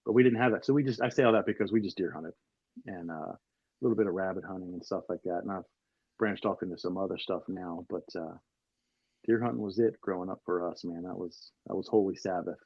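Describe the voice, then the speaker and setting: As a podcast guest, a fortysomething man from Maryland rambles through stories in casual chat, leaning heavily on fillers. He speaks fast in a slightly low, husky voice that sounds dull and lo-fi, and the dry recording gives it a close feel.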